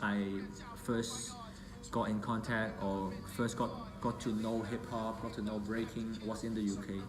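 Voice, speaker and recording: A man's voice: fairly low pitch, little pitch movement, measured pace, roomy sound, music in the background. A man born in Hong Kong and raised in the UK, giving a casual, rambling thank-you speech as an event organizer, with many fillers and self-corrections.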